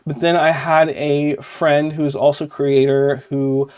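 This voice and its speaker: A man's voice: on the high side, flat delivery, takes it slowly, darkish tone, clear, resonant tone. A man co-hosting a podcast in a casual, chatty way. He rambles, fills his talk with "like" and often corrects himself mid-sentence. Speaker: podcast co-host.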